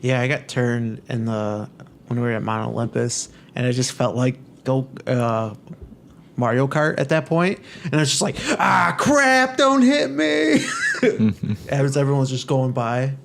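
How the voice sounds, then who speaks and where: A man's voice: mid-range voice, fairly even intonation, normal speed, a little hiss or hum. A young man in casual chat on a gaming talk show, joking crudely and laughing often. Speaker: show co-host.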